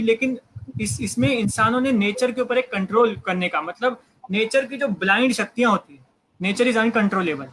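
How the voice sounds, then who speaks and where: Male guest, high bright voice, halting explainer with fillers. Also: a little hiss or hum, poor audio. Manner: hesitant, many fillers and restarts. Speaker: guest biologist explaining evolution. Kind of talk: casual explanatory talk.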